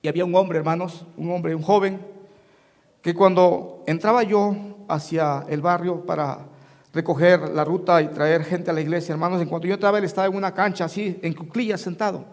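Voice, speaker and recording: A woman's voice: on the low side, steady tone, brisk, a little mellow. A woman from Mexico, preaching a testimony sermon in a church, telling stories and calling the congregation "brothers" again and again. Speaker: guest preacher. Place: church sanctuary. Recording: reverberant church hall.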